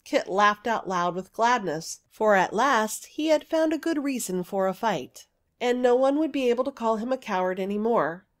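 A woman's voice: on the high side, lively intonation, normal speed. Woman reading a fairy tale aloud. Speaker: narrator. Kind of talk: audiobook fairy story reading.

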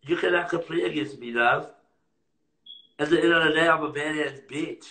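A man rants on a livestream in a high, piercing voice, taunting and repeating himself as he goes. He talks into a phone, and the sound rings with room echo. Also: moderate pace, pushed and bright. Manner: confrontational, taunting, repetitive. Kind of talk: heated livestream rant. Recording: roomy echo.

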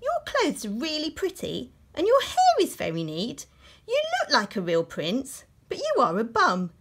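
A woman voicing a clever, bold young princess with high, loud, emphatic exclamations. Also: huge pitch swings, measured pace, heavily acted. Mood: cutting.

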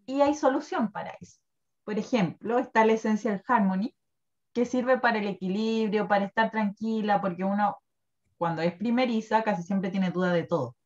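A woman in her thirties with a Chilean Spanish accent, chatting casually as a guest who presents wellness products. She talks in an animated, chatty way and laughs often. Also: medium pitch. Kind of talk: casual chat. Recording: dull lo-fi recording.

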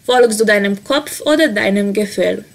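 A woman teaching vocabulary, saying each word and example slowly, then translating it quickly. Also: medium pitch, vocal fry. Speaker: language teacher. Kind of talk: vocabulary lesson.

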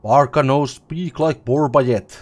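A man's voice: medium pitch, a little slow, lightly acted. A man voicing a big brutish male troll guard who talks in broken, simple phrases. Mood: gruff. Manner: broken simple speech, read aloud loudly.

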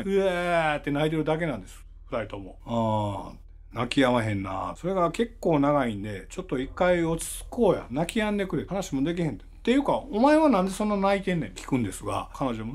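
A man with a Kansai accent telling a true ghost story in a lively, animated way, acting out the people in it. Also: fairly high pitch, slightly rough. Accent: Kansai Japanese.

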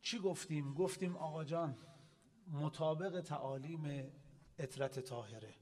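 A male cleric preaching a Muharram sermon in an Islamic center hall, impassioned, swinging from loud exhortation to hushed asides. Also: on the high side, slight background noise.

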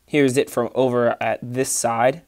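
A man's voice: medium pitch, level tone, a little slow, darkish tone, dry recording. A man hosting a casual vlog, showing off his Lego city and rambling with lots of fillers and restarts while filming it on a handheld phone. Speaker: Lego city builder and channel host. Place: indoor room with a large Lego table, behind the camera.

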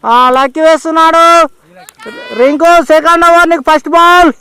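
A man's voice: extremely high pitch, steady tone, moderate pace, sharp tone. A man with a Telangana Telugu accent giving informal, exclamatory ball-by-ball cricket commentary, often repeating his calls.

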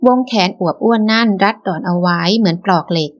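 A woman's voice: fairly low pitch, fast, muffled recording. Woman narrating an audiobook novel.

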